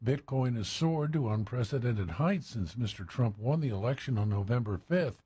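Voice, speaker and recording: Man, husky and dark-toned, medium pitch, scripted news report. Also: lively intonation, moderate pace. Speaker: news correspondent.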